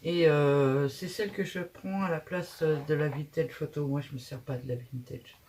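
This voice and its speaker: A woman's voice: deep voice, fairly even intonation, normal speed, darkish tone, a little hiss or hum. A woman hosting a casual craft tutorial, chatting and thinking aloud as she works, with frequent hesitations.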